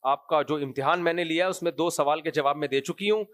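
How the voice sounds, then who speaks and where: A man's voice: a little high, a bit bright, no room sound, natural voice. A man putting on a scheming noblewoman. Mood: coaxing. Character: scheming noblewoman feigning wronged innocence.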